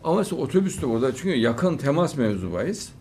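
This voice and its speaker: Gravelly man giving blessings. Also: medium pitch, big pitch swings, quick pace, a little mellow, slight background noise. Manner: showers guests with religious blessings and praise. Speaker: host. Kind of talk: studio talk show commentary.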